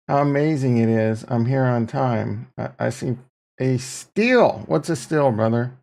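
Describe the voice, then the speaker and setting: Gravelly man livestreaming with a morning voice. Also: mid-range voice. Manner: rambling, self-deprecating, slangy, says brother. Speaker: livestream host. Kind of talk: casual chat to livestream viewers.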